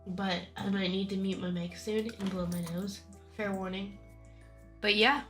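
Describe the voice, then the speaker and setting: A young woman streams a game, offering casual, chatty commentary that breaks into bubbly bursts of excitement. Her nose is stuffy from a cold, her voice is mid-range and a little slow, and faint music plays behind her.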